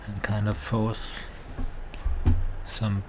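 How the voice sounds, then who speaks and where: Slow-talking man commentating over noise. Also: fairly low pitch, completely flat delivery. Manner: halting, thinking aloud. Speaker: amateur chess commentator. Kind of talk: casual live game commentary. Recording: clearly noisy background.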